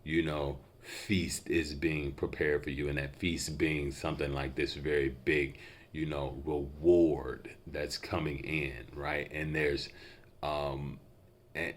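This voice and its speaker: A man giving an unscripted intuitive reading as a psychic, feeling out impressions tentatively, piece by piece, like a mentalist. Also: a bass voice. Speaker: psychic reader giving channeled messages.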